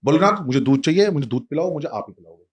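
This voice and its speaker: A man's voice: on the high side, expressive, fast talker, natural voice. Man doing a pleading little village boy. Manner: pleading, whiny child voice. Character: small poor boy begging for milk.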